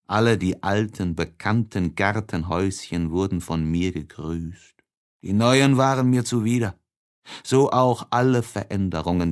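This lowish-voiced man narrates a classic literary letter for an audiobook. His delivery is dramatic, deliberate and expressive.

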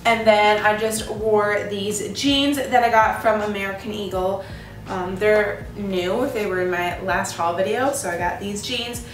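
A woman's voice: mid-range voice, steady tone, a little slow, faint music behind. A young woman chatting casually to camera as a vlogger, with a bubbly, gushing sorority-girl manner. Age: young adult. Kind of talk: casual chat to camera about outfits. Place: small indoor room in a home, standing before a door. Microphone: camera mic a few steps away. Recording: echoey room, slightly distant mic.

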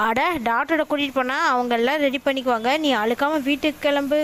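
A woman's voice: sits high, steady tone, fast talker, fairly bright tone. Cartoon brief: alarmist schoolgirl friend, voiced by a woman, Tirunelveli Tamil accent, dramatic. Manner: prying, dramatic.

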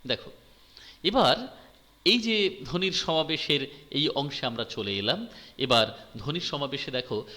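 A man teaching a grammar lesson, with a high, bright voice that rises and falls a lot. He keeps asking his listeners questions and answering them himself. His voice rings with a long hall reverb. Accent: Bengali.

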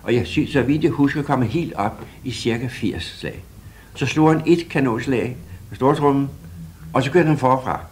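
An older man from Denmark, a retired pianist, reminiscing in an interview and telling lively anecdotes. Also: mid-range voice, slight background noise.

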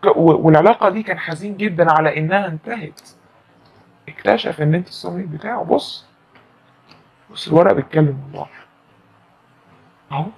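Egyptian woman tarot reader, husky voice, emphatic rapid patter. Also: on the low side, darkish tone. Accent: Egyptian Arabic. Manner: chatty, emphatic, repeats phrases. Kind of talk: casual tarot reading to camera.

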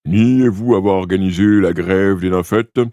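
A man voicing a weary, stern old king in an audiobook, speaking slowly and gravely. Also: mellow, no echo, lo-fi sound, close to an everyday voice. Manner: slow, low and deliberate, dropping to confiding. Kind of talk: audiobook character voice.

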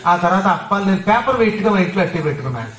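A man's voice: high voice, expressive, very fast, a bit bright. A man giving a devotional scripture discourse, telling the story with humor and chanting verses. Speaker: religious discourse speaker. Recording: roomy hall, distant mic.

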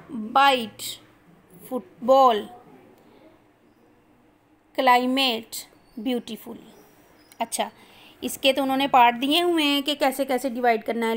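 A woman teacher, slowly explaining a lesson and spelling out words letter by letter. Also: a little high, creaky.

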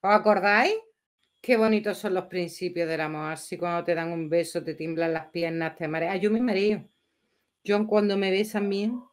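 A woman's voice: on the low side, fairly even intonation, normal speed. A woman, chatting casually and rambling through a livestream as host. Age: 50s.

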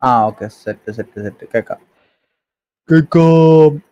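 A man's voice: a little high, racing, mellow. A man bantering and teasing his gaming teammate, heard over lo-fi headset voice chat. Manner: teasing, mocking.

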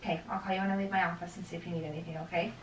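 A woman's voice: fairly low pitch, little pitch movement, racing, slight background noise. A middle-aged American woman chatting casually as a mother at home in a bedroom. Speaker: mother of the vlogger. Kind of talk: casual family chat.

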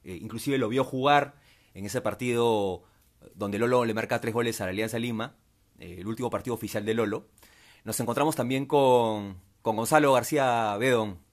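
Man, talk show host, lively, promotional, handheld mic in small room. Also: mid-range voice, normal speed. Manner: lively, promotional, reads out phone numbers. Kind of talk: sports talk show hosting. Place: small cluttered decorated room, indoors. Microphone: handheld wired mic.

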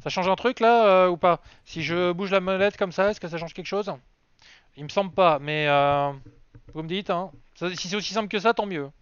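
A man's voice: sits high, moderate pace, fairly bright tone, clean tone, no echo. A man chatting casually on a game live stream, rambling and self-mocking with lots of fillers. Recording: dry, slightly dull lo-fi sound.

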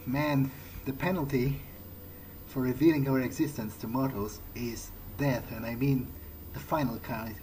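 With the game's ambient sound audible beneath a clearly noisy recording, a man improvises a character while playing, musing aloud with hesitation. His voice is medium in pitch, steady and somewhat dark, delivered at a measured pace.

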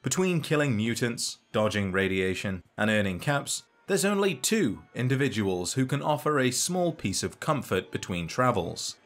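A man narrating a scripted game video essay in a measured, dry and wry way. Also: mid-range voice, big pitch swings, fairly bright tone, faint music behind.

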